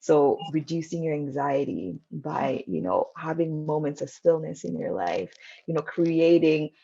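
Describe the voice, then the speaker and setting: A woman from Canada hosts the interview in a low, gravelly, husky voice. She affirms and sums up her guest's points with many fillers. The audio is dull and lo-fi. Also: expressive, a little slow, mellow. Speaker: podcast host. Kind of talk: interview host recap.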